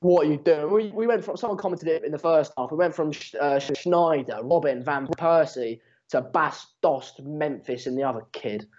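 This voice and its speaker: Heard through a dull lo-fi mic, a 17-year-old English streamer who speaks Dutch natively comments on a live match and chats with viewers in slangy, matey, sarcastic language laced with swearing. His voice is on the high side and a little mellow, at a normal speed.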